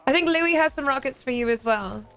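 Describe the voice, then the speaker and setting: A woman's voice: high voice, animated, a little fast, a bit bright, soft background music. A young woman in her twenties from Manchester, streaming a game over a headset and teasing her squad with frequent laughs. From Manchester, England. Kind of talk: casual gaming chat. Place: gaming room indoors.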